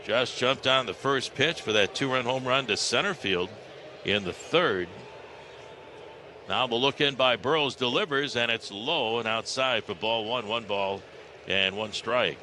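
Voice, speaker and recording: An American baseball radio announcer calls the play-by-play live in an unhurried, mid-range voice. The ballpark broadcast is clearly noisy.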